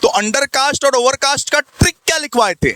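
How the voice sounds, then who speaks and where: A man's voice: very high voice, brisk, pushed and bright. A man teaching a lecture in a playful, teasing way, repeating key lines in a sing-song and answering his own questions. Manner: repetitive, teasing, sing-song call-and-response with himself.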